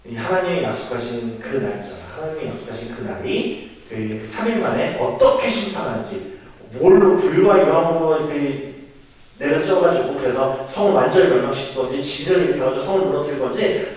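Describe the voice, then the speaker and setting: A man preaching a sermon in a church, retelling a story in an animated, casual storytelling way. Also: medium pitch, a little hiss or hum. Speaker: military church pastor. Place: church worship hall. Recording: echoey hall, distant mic.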